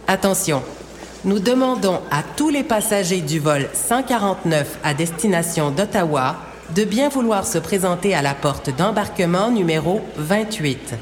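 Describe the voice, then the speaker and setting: A woman reads scripted airport and train station announcements in a formal, measured way. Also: fairly low pitch, animated, soft background music. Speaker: announcer in a French listening exercise. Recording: long hall reverb, faint background noise.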